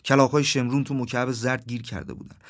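A man reading a surreal literary story aloud, measured and soft. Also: medium pitch. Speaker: narrator.

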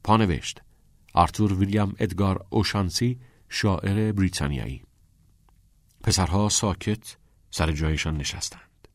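Man, audiobook narrator, calm even delivery, low voice, dry close recording. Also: long pauses, dry recording.

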